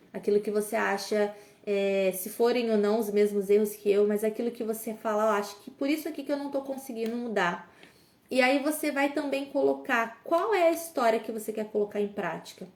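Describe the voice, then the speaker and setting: A woman's voice: a little high, reverberant. Earnest Brazilian woman coaching teachers. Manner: earnest, direct address to the listener with frequent fillers. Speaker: podcast host and coach for teachers. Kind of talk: motivational podcast talk.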